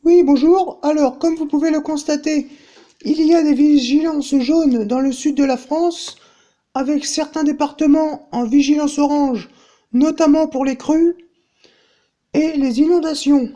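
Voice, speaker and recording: A woman's voice: high voice, fairly even intonation, measured pace, warm tone. A woman playing an offhand, matter-of-fact TV weather presenter in a parody bulletin.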